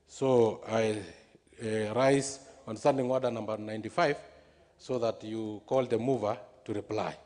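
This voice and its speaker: A man's voice: on the low side, steady tone, unhurried, darkish tone. A man who is a member of parliament speaks formally on a point of procedure. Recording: echoey large chamber.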